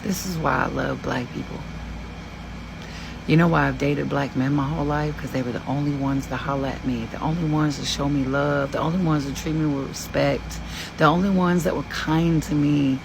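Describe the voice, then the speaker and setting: A woman in her forties from Kentucky telling a story in a blunt, profane and animated way. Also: low-pitched, normal speed, vocal fry, background noise. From Kentucky, USA. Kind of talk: casual storytelling.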